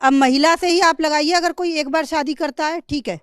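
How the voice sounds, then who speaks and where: A housewife, speaking bluntly and boldly as an interviewee. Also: female voice, high voice, fairly even intonation, normal speed, no echo, studio quality. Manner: blunt, outspoken and bold. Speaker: interviewee, neighbor. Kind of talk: casual interview chat.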